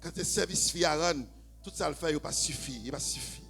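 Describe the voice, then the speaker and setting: A man with a Haitian accent preaching a sermon in church, swinging from low, quiet talk to shouted, half-sung preaching. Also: fast, gravelly, breathy edge, soft background music. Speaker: pastor. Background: faint keyboard.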